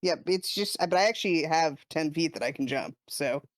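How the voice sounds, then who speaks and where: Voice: medium pitch, normal speed, no echo. Giggly player at a d&d table, laid back, dry sound. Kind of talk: casual tabletop chat.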